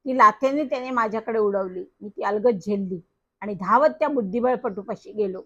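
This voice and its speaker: A woman narrating a children's story in the first person, in a lively, animated way. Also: mid-range voice, normal speed. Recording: dull lo-fi recording.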